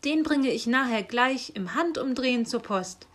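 A woman's voice: fairly high pitch, expressive, normal speed, fairly bright tone, slight background noise, pitched above the performer's own voice. A woman reading aloud and voicing an eager, cheeky young male apprentice.

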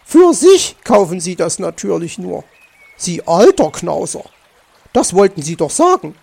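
A man doing a shrill cheeky magpie lady. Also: sing-song, normal speed, gravelly, breathy edge, full character voice. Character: sharp-tongued female magpie. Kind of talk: children's audiobook.

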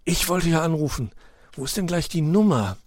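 A man reading aloud and voicing an eager young male dog with an excited, persuasive manner. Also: a little high, normal speed, dry recording, studio quality, pitched above the performer's own voice, natural voice.

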